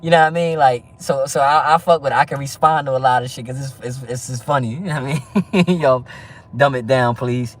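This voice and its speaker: A man in his thirties from New Jersey, hosting a casual live stream in quick, loose street talk and checking in with "you know what I mean" again and again. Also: medium pitch, steady tone, distant mic. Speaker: livestream host.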